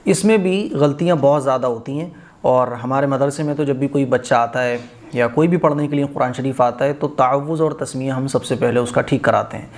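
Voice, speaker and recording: A man with an Indian Urdu accent giving a pronunciation lesson as a recitation teacher, repeating words slowly and drawing them out. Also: medium pitch, a little mellow.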